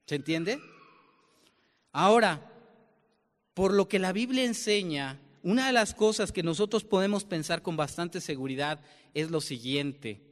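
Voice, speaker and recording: Man, preacher, sermon, asks the congregation questions, somewhat high voice, long hall reverb. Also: animated, measured pace, pauses often. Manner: asks the congregation questions, explains with everyday examples.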